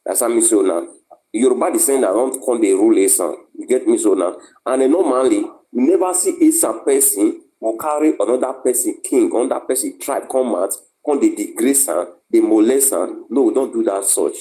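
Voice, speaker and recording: A man's voice: mid-range voice, brisk, mellow, rough recording. A Nigerian man moderating an informal discussion in Pidgin, cutting in and repeating short phrases. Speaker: moderator of an online debate.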